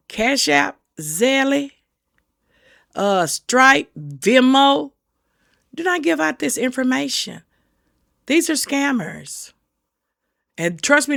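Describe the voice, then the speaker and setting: A woman's voice: high voice, gravelly, a bit bright, no echo, clean studio sound. A middle-aged woman giving earnest, folksy advice to camera, repeating her warnings for emphasis. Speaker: senior safety channel host. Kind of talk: casual advice talk to camera.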